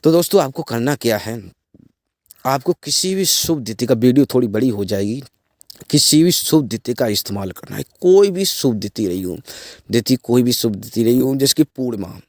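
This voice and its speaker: A man's voice: medium pitch, lively intonation, moderate pace, no echo, clean studio sound. A man explaining a ritual step by step to his viewers in a rambling way, repeating himself and leaning on filler phrases. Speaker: occult ritual channel host. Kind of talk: spoken ritual instructions to viewers.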